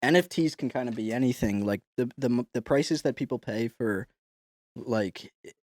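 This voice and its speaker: A man's voice: medium pitch, normal speed, a little mellow, no echo, studio quality. A young man co-hosting a podcast, arguing his point in a casual, slangy way. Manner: argumentative, slangy. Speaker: podcast co-host. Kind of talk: casual chat.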